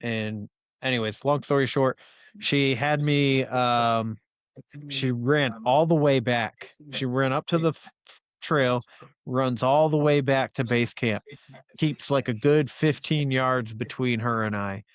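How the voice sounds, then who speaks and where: A man's voice: mid-range voice, measured pace, clear, resonant tone, no room sound, dull audio. A man hosting a podcast, telling a long rambling story in casual chat with friends, swearing freely and leaning on fillers. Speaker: podcast host.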